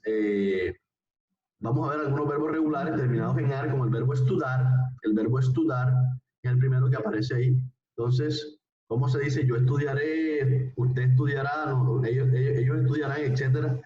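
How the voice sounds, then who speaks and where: A patient man teaching a live online class, mellow in tone and slowly repeating each phrase. He keeps checking that his students follow. The voice sits back from the mic in a roomy space. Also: mid-range voice. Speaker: language teacher. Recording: roomy, distant, dull online-call recording.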